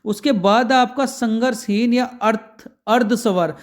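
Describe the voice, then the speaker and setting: A man's voice: extremely high pitch, measured pace. A man teaching an exam-prep Hindi grammar lesson, asking the students questions and answering them himself. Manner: call-and-response questioning, answering his own questions.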